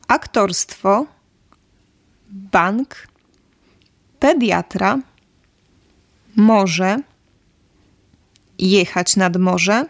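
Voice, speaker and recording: Slow, careful female lesson reader, dry recording. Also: medium pitch, no room sound. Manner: careful, clearly enunciated teaching delivery. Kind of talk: scripted lesson dialogue and vocabulary drill.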